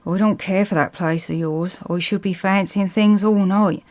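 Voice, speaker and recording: A woman's voice: mid-range voice, steady tone, normal speed, darkish tone, natural voice. Woman playing blunt male village smith, Suffolk accent, rustic teasing talk, storybook ghost-tale character.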